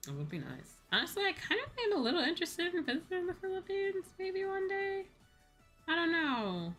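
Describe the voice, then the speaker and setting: Over background music, a young VTuber host chats on her livestream in a very high, sing-song voice that's fairly quick and fairly bright. Sleepy and rambling, she keeps playfully repeating herself.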